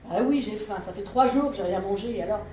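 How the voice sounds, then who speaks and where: A woman's voice: mid-range voice, quick pace, mellow, slight background noise, voice pushed down, natural voice. A woman storyteller voicing a tired, indignant old soldier with a blunt, folksy way of talking. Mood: gruff. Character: weary grumbling old male soldier. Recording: roomy live room, mic at a distance.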